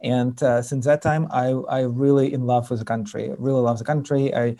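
A man with a Ukrainian accent talks as a podcast guest. His voice is dark and mellow, and his speech halts often with fillers and restarts while his pitch stays middling. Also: fairly even intonation. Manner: halting, many fillers and restarts. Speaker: sales executive guest. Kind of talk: interview conversation.

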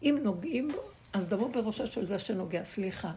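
A woman's voice: mid-range voice, lively intonation, dark tone, a little hiss or hum. A woman leading a spiritual teaching for a small group, speaking emphatically, repeating her words and firing rhetorical questions at her listeners.

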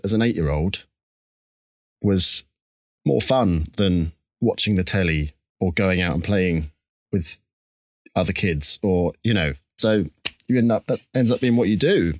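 A man with an Essex accent speaks in a fairly deep voice, as if chatting in an interview. He is candid and self-deprecating, thinking aloud as he goes. The sound is very dry, with no room to it. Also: animated, moderate pace, a little mellow, no echo. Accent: Essex English. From Essex, England. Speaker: interview guest, musician. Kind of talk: casual reflective interview chat.

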